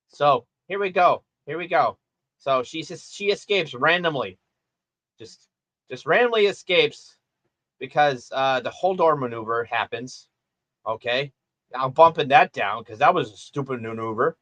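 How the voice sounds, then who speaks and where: A man rants casually to the camera, rambling and circling back with plenty of ums and restarts. His voice is bright and forceful. The sound is dry and close. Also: on the high side, no echo, muffled recording. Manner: rambling, full of fillers and restarts, ranting. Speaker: vlogger reviewing a film. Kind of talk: casual rant.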